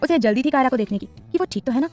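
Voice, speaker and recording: A woman narrating a romantic serial story, reading with expressive voices for the dialogue. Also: high voice, very fast, soft background music.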